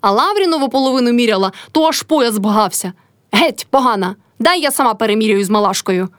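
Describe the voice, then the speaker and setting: A woman's voice: on the high side, animated, brisk, fairly bright tone, dry recording, studio quality. A woman reading aloud, voicing a cantankerous old peasant mother-in-law who scolds. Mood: scolding.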